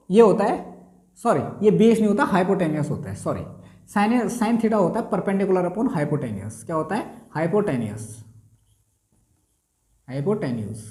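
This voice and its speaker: A male maths teacher with a lively, rising and falling voice, working through a lesson at the board. He says each key term twice, slowly, quizzing his students with the answer. The sound is roomy with a clear echo. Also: high voice. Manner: repeats key terms slowly, quizzing himself aloud.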